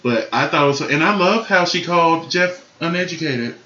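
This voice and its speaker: A man co-hosting a casual TV review chat, animated and quick to laugh loudly. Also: fairly high pitch, a little hiss or hum. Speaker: co-host reviewing a TV competition show. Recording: dull, roomy home recording.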